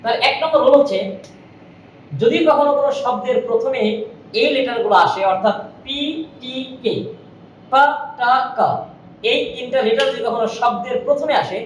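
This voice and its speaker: A woman with a somewhat high voice teaches pronunciation, slow and patient, and she repeats each example sound over and over. She sits back from the mic in a roomy, echoing space with faint noise underneath. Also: recorded from a distance. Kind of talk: spoken lesson. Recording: echoey room, voice from off-mic.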